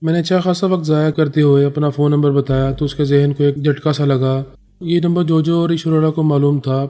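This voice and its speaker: A man narrating a story in a steady, dramatic reading style. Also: a little high. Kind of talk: scripted narration.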